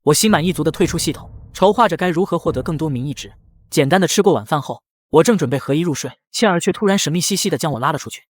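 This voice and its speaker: A man reading a first-person web-novel story as scripted narration, in a rapid, even storytelling delivery. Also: on the high side, no room sound, clean studio sound.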